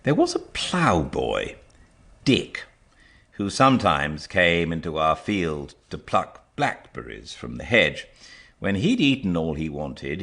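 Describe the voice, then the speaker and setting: A man reading a storybook aloud as an audiobook narrator, measured and expressive. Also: deep voice, husky.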